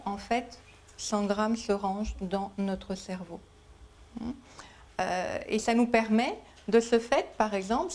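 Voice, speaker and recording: A woman lecturing at a conference in a patient, explanatory way. She walks through ideas step by step with everyday examples. Her voice sits at a middling pitch. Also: a little mellow. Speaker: lecturer at a Montessori school conference.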